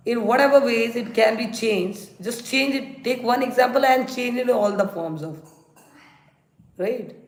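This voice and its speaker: A woman with an Indian accent teaching English grammar on a live stream, instructive and repeating examples and rules for her students. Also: mid-range voice. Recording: roomy echo, faint noise and clicks.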